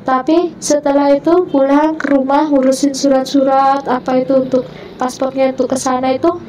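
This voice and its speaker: A woman's voice: little pitch movement, moderate pace, a little mellow, distant mic, slight background noise, low-quality recording. A woman recounting an emotional personal testimony, voicing family members' words as she goes. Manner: quotes family members in her own voice, rising high when moved. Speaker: guest telling her conversion story.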